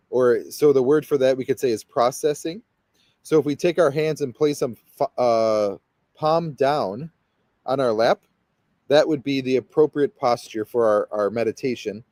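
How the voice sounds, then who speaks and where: A man's voice: mid-range voice, measured pace, a little mellow, no echo. A man leading a guided meditation as a spiritual guide, talking in a rambling, hesitant way full of fillers and restarts.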